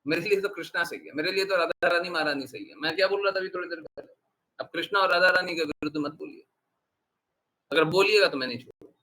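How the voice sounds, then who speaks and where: A man's voice: a little high, fast, bright, forceful tone, poor audio. A man giving an earnest devotional discourse as a spiritual teacher, asking his listeners rhetorical questions and mixing English words into his speech.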